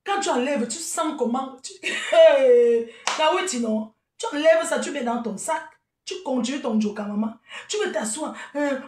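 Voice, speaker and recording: A woman's voice: sits high, distant mic. A woman talking straight to her audience in an unscripted live video, scolding her critics and then chatting and laughing with them. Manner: chatty and laughing, calls listeners "maman". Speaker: event planner and vendor. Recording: echoey room, voice off-mic.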